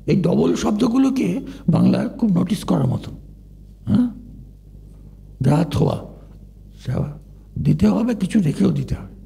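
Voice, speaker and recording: A man's voice: high voice, creaky, dark tone. An older man giving a philosophy lecture in a discursive way, stopping to ask the audience questions.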